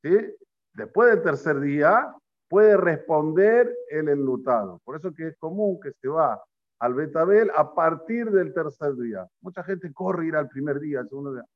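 A rabbi with a Rioplatense Spanish accent teaches a Torah class in a slightly high, animated voice. He keeps turning to his students with questions and acts out the quoted lines. The recording is dull and lo-fi. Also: normal speed. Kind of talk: lively Torah lesson to a group.

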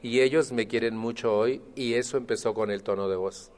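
Guy talking to a support group, lively, acts out voices, big echoey hall. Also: mid-range voice, moderate pace. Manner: animated, acts out voices of others. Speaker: Al-Anon speaker. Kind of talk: speaking to a group. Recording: long hall reverb.

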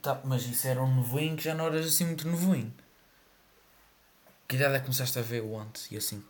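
Give a young man from Portugal with a European Portuguese accent. He talks quickly at a middling pitch, in a slangy, informal podcast chat. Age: young adult. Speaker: podcast co-host. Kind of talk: casual chat.

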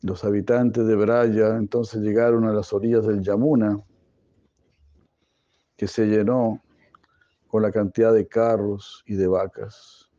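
A man's voice: lowish voice, level tone, takes it slowly, pauses often, mellow, no echo, highs cut off. A man retelling a devotional story in class, digressive and joking, often correcting himself.

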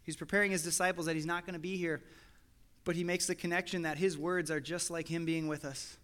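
Bright, high-voiced animated male pastor. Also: brisk. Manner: animated storytelling, quotes his son and God in lively asides. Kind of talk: sermon.

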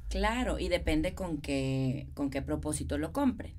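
A woman's voice: sits low, lively intonation, a little slow, a little mellow. A middle-aged woman with a northern Mexican accent from Monterrey, chatting casually and explaining with colloquial examples as an interview guest. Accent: northern Mexican, Monterrey regio. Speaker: guest, real estate consultant and architect.

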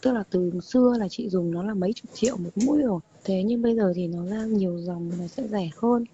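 A woman's voice: medium pitch, brisk, mellow. A woman speaking as a patient in an interview, explaining in a plain, matter-of-fact way. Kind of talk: casual interview answer. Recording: dull lo-fi recording with faint noise.

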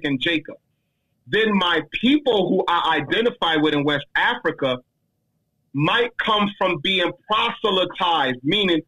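A man holds forth in a casual discussion, emphatic and slangy, his voice pitched high and bright. The tone is husky, and he speaks with lively conviction. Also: low-quality recording. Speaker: speaker answering a question.

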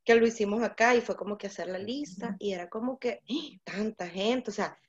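A woman's voice: mid-range voice, a little fast. A woman from El Salvador chatting as a guest, reflective and rambling. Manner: reflective, talks in loose rambling sentences. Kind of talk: casual chat. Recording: dull lo-fi audio.

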